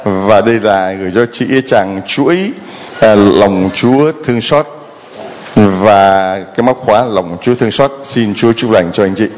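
A man's voice: on the low side, moderate pace, darkish tone. A man leading a church gathering, handing out gifts and directing the congregation. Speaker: priest leading a service. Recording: long hall reverb with crowd.

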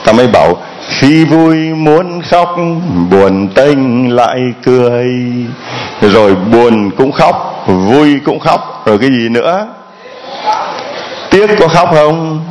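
Vietnamese priest preaching, rhetorical questions. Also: male voice, a little high, slight background noise, low-quality recording. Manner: rhetorical questions answered aloud, quoting parishioners' pleas. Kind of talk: Gospel reading and homily.

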